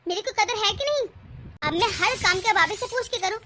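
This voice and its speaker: A woman voicing a quarrelsome young wife in an animated cartoon, talking in an indignant, scolding way. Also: very high voice, fairly quick, a little hiss or hum. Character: young quarrelsome wife, sharp-tongued and defiant.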